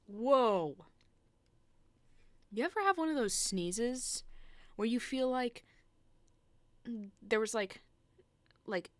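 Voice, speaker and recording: A woman's voice: mid-range voice, pushed and bright, no room sound. A young woman presenting a casual study video, joking at herself as she stumbles over hard medical words.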